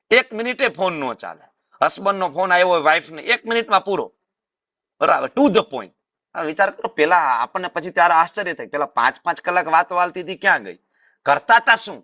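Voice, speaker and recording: A man with a Gujarati accent giving a sermon in a scripture class, animated, asking rhetorical questions and repeating phrases. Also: medium pitch, dry recording, highs cut off. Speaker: preacher.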